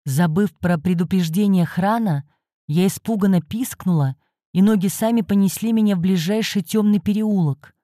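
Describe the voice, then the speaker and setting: A woman reading a first-person story as an audiobook narrator, measured and steady. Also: medium pitch, no echo, clean studio sound.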